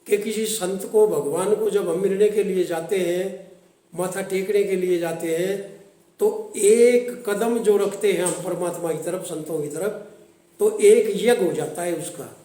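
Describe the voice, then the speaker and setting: Guy telling a devotional story, high mellow voice, slows down for the verses, echoey room. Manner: slow, recitative when quoting verses.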